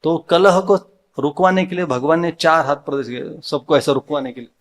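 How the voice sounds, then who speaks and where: A man's voice: fairly high pitch, a little fast. A man with an Indian accent giving a devotional Sunday sermon in a temple hall, mixing in English words and asking his listeners questions that he answers himself. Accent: Indian, mixing Hindi with English words. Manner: asks the audience questions and answers them himself.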